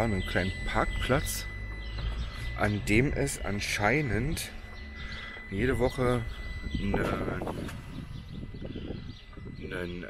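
Chatty man vlogging outdoors at a charger. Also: fairly low pitch. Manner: chatty, explaining while walking around outdoors. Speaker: electric car vlogger. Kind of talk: casual vlog narration. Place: outdoors at a small car park charging station. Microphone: phone camera at arm's length. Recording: loud outdoor background noise.

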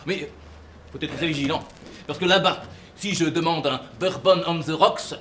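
An actor on a theatre stage playing a pompous, long-winded traveller who lectures about whisky. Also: male voice, a little high, moderate pace, sharp tone, a little hiss or hum. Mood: pedantic. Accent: French. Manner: pedantic, fussy, long-winded. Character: pompous middle-aged male whisky-loving traveller. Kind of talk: amateur stage play.

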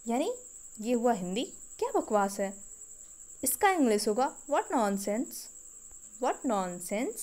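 A woman with an Indian accent teaching English vocabulary, explaining each phrase slowly and repeating it with pauses. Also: fairly high pitch, a little mellow. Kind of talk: spoken English vocabulary lesson.

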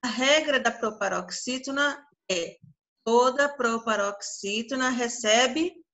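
Brazilian woman teacher, slow and bright, stretches out example words, keeps checking in with the class. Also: fairly high pitch. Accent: Brazilian Portuguese. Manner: drawn-out syllables, frequent check-ins with the class. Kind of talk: online grammar lesson.

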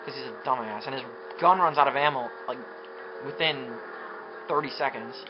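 A man giving gameplay commentary, frustrated, swearing and yelling at the game as he plays. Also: medium pitch, normal speed. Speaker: let's play commentator. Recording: muffled lo-fi recording with steady noise.

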